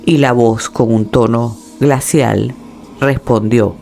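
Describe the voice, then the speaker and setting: A man narrating a true horror tale in a measured, dramatic way. His mid-pitched voice has a gravelly, creaky edge. Soft music runs beneath it. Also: fairly even intonation. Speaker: storyteller.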